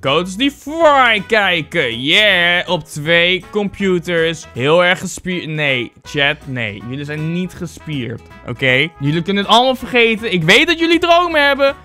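A man with a high, sharp voice jokes his way through fan posts like a playful YouTuber. He mocks himself, swears and drops English phrases into his talk. Soft music sits faintly behind him. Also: lively intonation, measured pace, hardly any pauses. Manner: bursts into loud shouts. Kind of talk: casual joking commentary.

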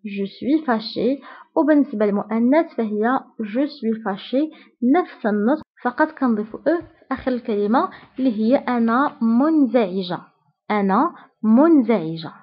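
A woman with a Moroccan Arabic accent teaching vocabulary in a breathy, fairly high voice. She says each example phrase slowly and repeats it, then explains briskly. The sound is dull and lo-fi. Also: expressive. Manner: slow deliberate repetition of example phrases. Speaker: French teacher. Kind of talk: scripted language lesson. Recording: dull lo-fi recording.

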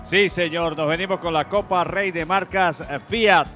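A man working as color commentator, calmly breaking down each penalty in detail. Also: sits high, a little slow. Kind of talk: football analysis commentary. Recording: broadcast with crowd and music behind.

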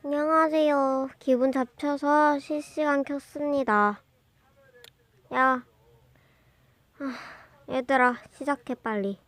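A woman's voice: high-pitched, steady tone, takes it slowly, pauses often, a bit bright, no room sound. A young female host chatting casually and teasingly to viewers.

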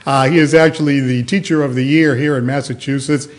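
A man's voice: mid-range voice, fairly even intonation, brisk. A man hosting a casual talk show, easygoing and jokey, chuckling between his questions.

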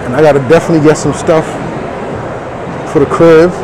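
A man's voice: fairly high pitch, flat delivery, brisk. A man talking casually through a face mask in laid-back slang, hosting a walk-around vlog. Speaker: vlog host. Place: large busy indoor convention hall, walking. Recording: noisy, crowded convention floor. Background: crowd chatter and hall noise.

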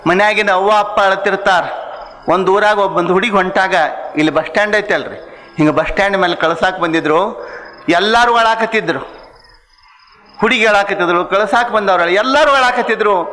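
Brief: male preacher, high bright voice, storytelling sermon in a reverberant hall. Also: normal speed. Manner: storytelling, acts out dialogue, emphatic. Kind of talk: sermon with folk anecdotes.

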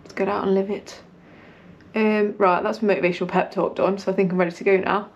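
Speaking fast in a level tone, this young adult British woman vlogs about running from a hallway indoors, colloquial and poking fun at herself. Her medium-pitched voice comes through lo-fi, with a little hiss or hum, via a camera at arm's length or propped close by.

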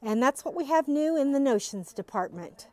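Speaking at normal speed in an expressive voice that sits high with a darkish tone, a middle-aged woman gives a bubbly, gushing tour of a quilt shop's new stock. It's casual, and she wears a face mask as a phone camera follows her.

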